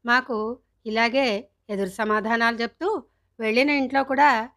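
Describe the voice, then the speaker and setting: A woman reading a storybook, voicing a sharp-tongued middle-aged mother who scolds loudly and sarcastically. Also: on the high side, steady tone, measured pace. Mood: sarcastic.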